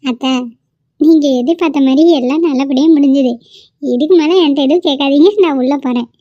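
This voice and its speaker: A bashful young newlywed, voiced by a woman in a cartoon, coy and quick to dodge her aunt's questions. Her voice is high and bright. It is recorded dry and up close. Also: fairly even intonation, no echo, dull audio, lightly acted. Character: shy young newlywed wife. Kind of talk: cartoon voice acting.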